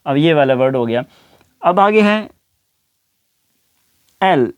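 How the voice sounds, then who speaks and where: A man teaching English pronunciation, saying each example word slowly and repeating it several times. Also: a little high, expressive, clean tone, dry recording. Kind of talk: explaining pronunciation to learners.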